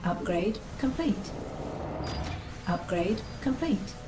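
A woman voicing a calm, formal announcer giving clipped status alerts in a strategy game. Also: medium pitch, takes it slowly, heavy background noise. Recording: loud game music behind. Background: loud game music.

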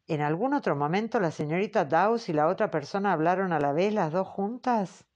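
Formal male interrogator, measured and patient; woman audiobook reader doing him. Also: fairly low pitch, darkish tone, lightly acted. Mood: probing. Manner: slow, formal, questioning. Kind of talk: audiobook character reading.

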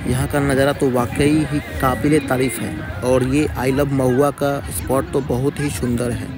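A man's voice: medium pitch, level tone, measured pace, music in the background. A man narrating a casual travel vlog at a riverside picnic spot, talking to viewers like friends. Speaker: travel vlogger.

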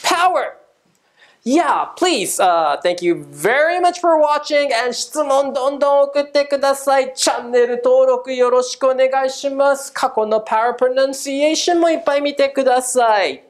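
A woman teaching English pronunciation in a video lesson, upbeat, drilling phrases slowly and mixing Japanese with English. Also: sits high.

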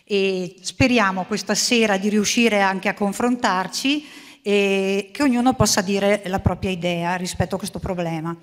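A woman's voice: medium pitch, steady tone, moderate pace. A woman organizer giving a short welcome speech, nervous and unused to speaking on stage. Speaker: event organizer. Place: theatre stage before a large audience. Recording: long theatre reverb.

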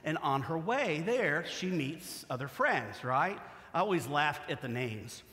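A middle-aged male pastor preaching a sermon in a relaxed, conversational way, often restarting phrases and inviting the congregation to answer. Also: a little high, unhurried, in a large hall. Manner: conversational, self-correcting, asks congregation to respond. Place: church sanctuary.

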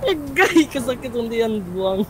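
A gaming partner with a Cebuano accent, bantering excitedly and laughing often during a match. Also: mid-range voice, moderate pace, a crowd in the background.

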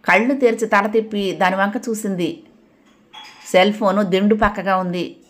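A woman narrating a family audio novel in a steady, expressive storytelling manner. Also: mid-range voice, moderate pace.

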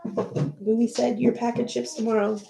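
A woman's voice: fairly high pitch, flat delivery, normal speed, gravelly, warm tone, soft background music, low-quality recording. A woman co-hosting a live auction stream, reading out viewer comments and greeting people by name. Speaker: auction co-host. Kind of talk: casual live-stream chat.

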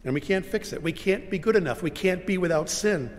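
An older man preaching a sermon from a pulpit, dramatic, moving from loud cries to hushed whispers. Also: high voice, animated, a little fast. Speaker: pastor. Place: large church sanctuary, standing at a pulpit. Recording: long church reverb, faint room hum.

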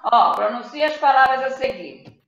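Her high, expressive voice has a fairly bright tone and a moderate pace as she patiently leads children through a live online Portuguese lesson. The Brazilian teacher reads word lists and quizzes the class, captured in an echoey room on dull, faintly noisy lo-fi audio.

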